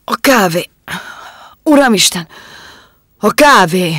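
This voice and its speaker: A woman voicing a furious middle-aged husband who shouts accusations while choking, in an audiobook. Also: on the low side, sing-song, gravelly, husky, no echo, clean studio sound, heavily acted.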